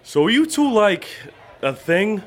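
A man's voice: high voice, big pitch swings, a little slow. A man playing a crude, sarcastic, hard-drinking male hero in an amateur audio drama. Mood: grumpy.

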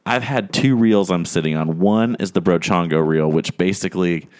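At a normal speed and in a low voice, a man hosting a podcast recounts a long story in casual talk. He brings it to life by performing the quoted voices of the characters.

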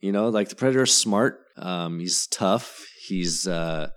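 A man appearing as a podcast guest, talking fondly and a little haltingly about a movie he loves. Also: low-pitched, fairly bright tone. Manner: rambling, fond, self-deprecating.

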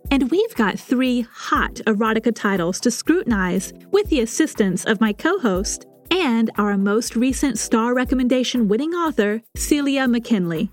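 A woman host opening a book review podcast with a brisk, upbeat scripted introduction. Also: a little high. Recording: faint music underneath.

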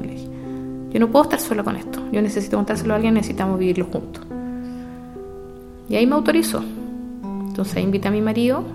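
A middle-aged woman with a Chilean accent, telling a personal story with feeling and acting out whole conversations. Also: medium pitch. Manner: emotional, retells dialogue at length. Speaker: interviewee. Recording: clear music playing behind.

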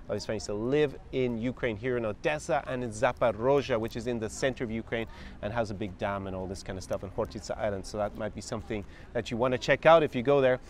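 A man with an eager, upbeat delivery hosts a casual interview outdoors in a city. Faint traffic hums behind him, and his voice sits at an ordinary middle pitch. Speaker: podcast host.

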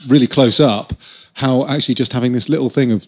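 A man's voice: medium pitch, steady tone, brisk, breathy edge. A man hosting a podcast, chatting wryly and telling anecdotes about his family. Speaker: podcast host. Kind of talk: casual interview chat.

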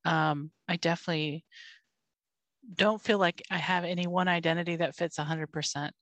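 Brief: low, dry-sounding woman guest, reflective, pauses to find words. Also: steady tone, dry recording. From Argentina and the United States. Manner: thoughtful, searching for words. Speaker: podcast guest. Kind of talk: casual conversation.

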